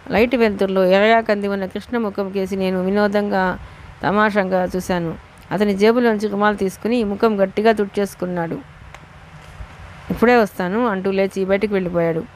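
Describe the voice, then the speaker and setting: A woman reading a novel aloud as an audiobook narrator in steady, expressive first-person narration. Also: medium pitch, a little hiss or hum.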